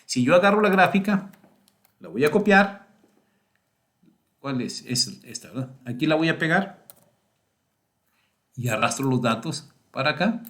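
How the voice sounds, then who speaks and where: A man's voice: fairly high pitch, expressive, normal speed, a bit bright. A middle-aged man, teaching a recorded screen-share statistics lesson. He explains patiently step by step and keeps checking in with his students.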